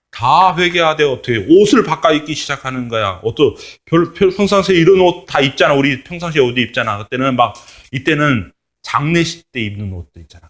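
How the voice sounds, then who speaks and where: A male pastor giving a children's sermon in church, telling a Bible story and asking the children questions. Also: on the high side. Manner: animated, asks children questions.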